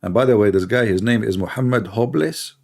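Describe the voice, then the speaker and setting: A man's voice: on the low side, quick pace, gravelly, a little mellow. An older man, hosting a rambling, sarcastic solo talk with many fillers. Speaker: host. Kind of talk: casual monologue.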